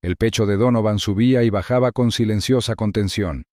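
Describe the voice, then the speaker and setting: Low, dark-voiced man narrating a dramatic story. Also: brisk, dry recording, studio quality. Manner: grave, even storytelling.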